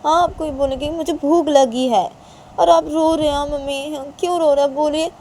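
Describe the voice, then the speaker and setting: A woman plays a worried young woman in a spoken storybook. Her voice is pitched very high and raised, pleading and insistent. It keeps a mellow, soft timbre. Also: fairly even intonation, moderate pace, a little hiss or hum.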